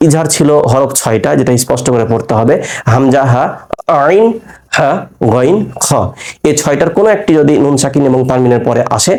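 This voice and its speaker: A man's voice: mid-range voice, dark tone. Patient male tajweed teacher. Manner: patient, explains step by step, asks and answers his own questions; drawn-out sung recitation of verse words. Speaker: Quran recitation teacher. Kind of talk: tajweed lesson with recitation.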